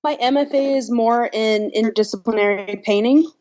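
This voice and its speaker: A woman's voice: on the high side, moderate pace, lo-fi sound. Storytelling woman from the Bahamas. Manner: relaxed, storytelling, thinks aloud with fillers. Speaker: guest artist and art teacher. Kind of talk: casual interview answers.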